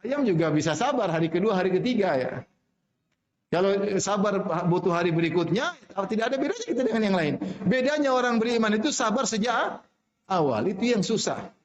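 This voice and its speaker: Man, preacher, sermon, emphatic, repeats key lines, recites Arabic, higher voice, echoey room. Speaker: Islamic preacher.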